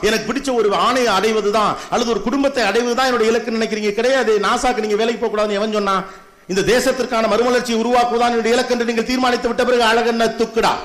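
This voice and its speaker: A middle-aged man with a Tamil accent gives an impassioned motivational talk to young women, firing rhetorical questions and swinging between loud and soft. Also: extremely high pitch. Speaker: TV host giving a motivational talk.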